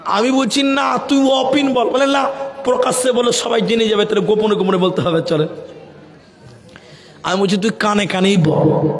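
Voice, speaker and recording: Man, preacher from Assam, Assamese Bengali accent, high voice, sung chanting, roomy echo. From Assam, India. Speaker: Islamic preacher. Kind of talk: live open-air sermon. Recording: echoey public-address sound with long reverb.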